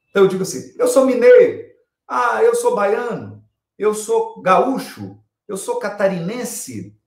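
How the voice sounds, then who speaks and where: A man's voice: high-pitched, roomy sound. A Brazilian man giving a spiritual lecture on scripture, emphatic, repeating key phrases and asking rhetorical questions.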